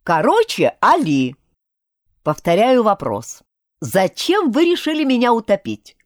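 A woman's voice: a little high, wildly swooping pitch, unhurried, no room sound, studio quality. A woman voicing a grumpy, theatrical young male spirit-wizard bound to a jug, talking in an indignant, flowery way.

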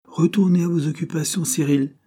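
A man's voice: a little high, fairly even intonation, normal speed, mellow, breathy edge, voice pushed up. A man voicing a stern, dignified employer who speaks in a cold, formal and curt way.

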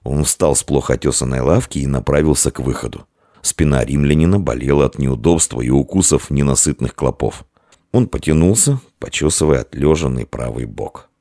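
A man narrating a story in an expressive audiobook reading on a close mic. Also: rumbling low, fairly quick, no room sound.

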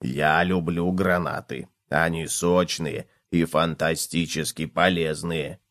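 A man voicing a male cockroach in a children's storybook, talking in a low, hushed, drawn-out way. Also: level tone, dry recording, clean studio sound, exaggerated voice. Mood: delighted. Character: deep slow excitable male cockroach. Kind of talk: storybook reading.

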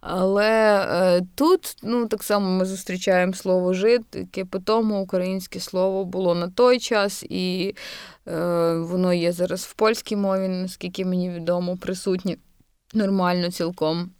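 A woman's voice: fairly low pitch, fairly even intonation, moderate pace, darkish tone, clean tone, dry recording, studio quality. A woman guest on a podcast, talking frankly and chattily, wandering from point to point. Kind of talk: casual conversation.

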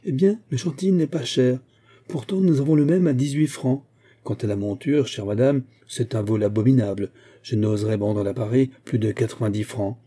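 A man's voice: medium pitch, normal speed, mellow, slightly rough, close to an everyday voice. A man voicing a charming male store owner who persuades his customers cheerfully. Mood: persuasive.

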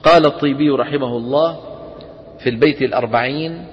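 A man's voice: mid-range voice, fast. A man with a Levantine Arabic accent teaching a class, often stopping to quiz his students. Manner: quizzes students with frequent questions. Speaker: Quran recitation teacher. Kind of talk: classroom lesson. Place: lecture room with students. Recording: dull lo-fi recording in a reverberant hall.

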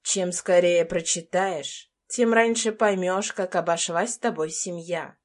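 A woman's voice: fairly low pitch, unhurried. A woman doing a cold, domineering billionaire man. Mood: pressing. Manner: curt, controlling, menacing. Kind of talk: audiobook character voicing.

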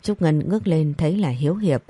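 A woman narrating a scripted story, reading each character's lines in the same even voice. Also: sits low, a little fast, breathy edge, no room sound. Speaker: audiobook narrator.

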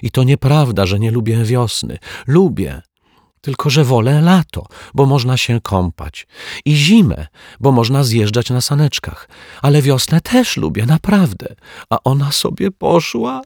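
A man's voice: very animated, a little slow, darkish tone, dry recording, studio quality. A man voicing a tearful, anxious little girl who explains herself in a pleading, rising voice. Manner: pleading, rising childlike pitch.

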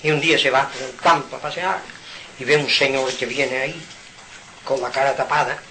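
A man from Mallorca, giving an informal spiritual talk at home in an animated, preaching manner with rhetorical questions and sudden loud outbursts. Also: medium pitch, normal speed, a little hiss or hum, rough recording. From Mallorca, Spain. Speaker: spiritual speaker.

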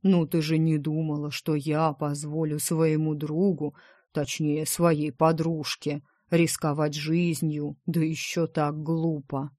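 A gruff, blunt male dragon, protective of his friend and quick to grumble, as a woman reader voices him. He speaks low and slowly in a dry, close recording, with a teasing edge. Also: little pitch movement, a little mellow, no echo. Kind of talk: audiobook character reading.

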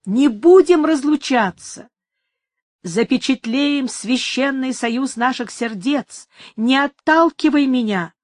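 An impassioned young nobleman in a storybook reading, exclaiming his lines slowly and fervently, as a woman reader puts him on. The voice sits fairly high and is recorded dry and close. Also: a bit bright, no echo. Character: passionate young nobleman lover. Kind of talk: dramatic audiobook reading.

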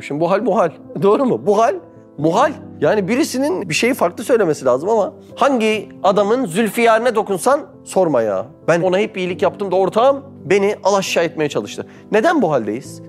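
Animated high-voiced man preaching. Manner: rhetorical questions and exclamations; emphatic, drawn-out stresses. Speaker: religious speaker. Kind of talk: religious talk to a group.

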